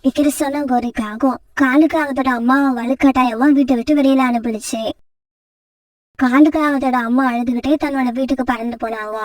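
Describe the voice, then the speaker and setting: Brief: woman storybook narrator, high and steady, dry and slightly distant recording. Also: brisk, dry recording.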